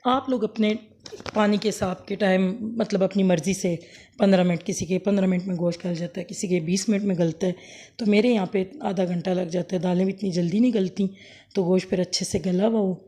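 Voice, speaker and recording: A woman with a sore, hoarse throat giving a rambling, homely cooking demonstration for her vlog. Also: lowish voice, fairly even intonation, fast talker, mellow. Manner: homely, rambling, self-correcting explanations. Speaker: cooking vlogger. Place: home kitchen, later outdoors under a fan.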